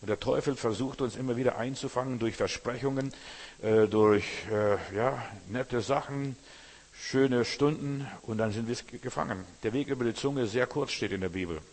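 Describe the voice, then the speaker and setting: Husky preacher guy, keeps asking "you get it?", voice ringing with long reverb. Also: mid-range voice, normal speed, darkish tone. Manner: direct, addresses listener as du, repeats "verstehst du?". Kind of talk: sermon announcing the week's topics.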